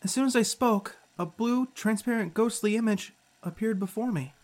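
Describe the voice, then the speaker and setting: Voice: mid-range voice, moderate pace, darkish tone, a little hiss or hum, natural voice. A performer playing a spirited, sarcastic youngster who narrates an audio drama in an informal, candid way. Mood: tense recounting.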